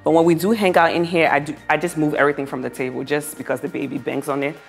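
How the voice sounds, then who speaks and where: A woman's voice: low voice, steady tone, fast talker, creaky. A woman giving a casual home makeover tour to viewers, gushing admiringly about the decor as she goes. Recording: music behind the voice. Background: background music.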